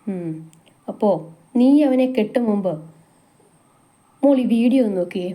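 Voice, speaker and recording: A woman's voice: medium pitch, unhurried, warm tone, close to an everyday voice. A woman voicing a mocking, scheming young man in a storybook tale, speaking in a taunting way. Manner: sneering, taunting.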